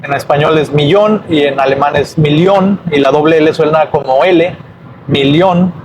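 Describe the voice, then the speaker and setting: A man teaching numbers in a casual video lesson, slow and hesitant, often correcting himself. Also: fairly high pitch. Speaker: language teacher. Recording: faint background noise.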